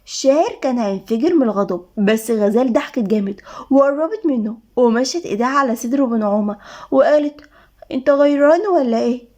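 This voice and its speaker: Fast-reading Egyptian woman storyteller. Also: on the high side, warm tone. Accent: Egyptian Arabic. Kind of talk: dramatic story narration.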